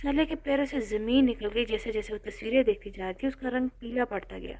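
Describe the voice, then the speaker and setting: A woman narrating a romantic novel in steady scripted storytelling. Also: fairly high pitch.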